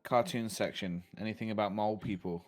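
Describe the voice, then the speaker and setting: A man's voice: fairly low pitch, steady tone, fairly quick, soft background music. A man playing a tabletop game in a playful, joking way. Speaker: player.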